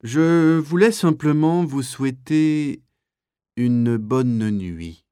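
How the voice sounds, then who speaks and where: A man voicing a pompous officer who speaks slowly and stumbles over his words. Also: medium pitch, mellow, clear, resonant tone, no echo, clean studio sound, voice pushed up. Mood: mocking. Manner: slow, stammering. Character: pompous male officer, stammering and slow.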